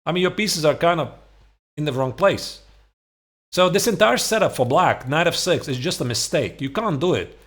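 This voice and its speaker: Lively, higher-voiced man teaching chess. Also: moderate pace. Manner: conversational, emphatic, rhetorical check-ins like "right?". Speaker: chess coach and streamer. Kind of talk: instructional chess commentary, explaining opening lines. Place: small home room, indoors.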